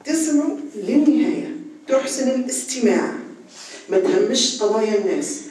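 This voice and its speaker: A woman's voice: a little high, lively intonation, normal speed, darkish tone. Tunisian woman lecturing in an echoey hall. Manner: earnest, exhorting, repeats for emphasis. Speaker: religious teacher. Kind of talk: religious lecture on ethics. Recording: echoey hall, far from the mic, faint noise.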